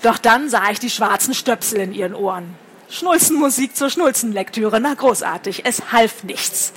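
A woman's voice: fairly high pitch, normal speed, a little hiss or hum. Woman author reading her novel aloud. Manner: lively, wry first-person narration. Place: book fair.

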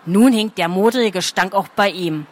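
A woman reading a fantasy story aloud at a steady, expressive pace. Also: medium pitch, normal speed. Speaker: narrator.

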